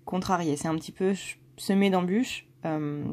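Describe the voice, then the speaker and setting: Doing a tarot reading for her channel, a blunt woman chats casually, often using fillers and restarting sentences. Her voice is on the low side and a little mellow, at a moderate pace.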